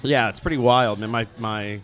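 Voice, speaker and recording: Casual talk-radio man, relaxed. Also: medium pitch, moderate pace, faint music behind. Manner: animated storyteller, mimics voices when venting. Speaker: radio host. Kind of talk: casual chat.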